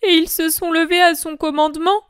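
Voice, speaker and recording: A woman's voice: very high-pitched, level tone, a little fast, dry recording, clean studio sound, voice pushed up. A woman voicing the grieving mother of Jesus, imploring and sobbing in a breaking voice, in a dramatic religious reading. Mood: pleading.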